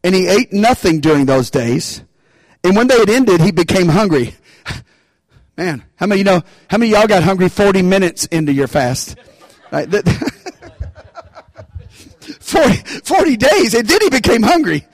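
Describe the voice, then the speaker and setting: A man's voice: sits high, big pitch swings, moderate pace, dry recording, rough recording. A man preaching a sermon, calling out to the congregation for responses and rising into bursts of emphasis. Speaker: pastor.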